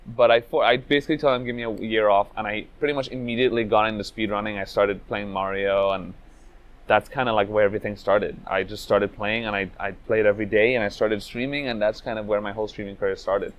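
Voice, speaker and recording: A man's voice: fairly low pitch, fairly even intonation, fast, dull audio. A man, telling his life story in a casual interview, loose and reflective with lots of "like" and "you know". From Venezuela, raised in Trinidad. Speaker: speedrunner interviewee.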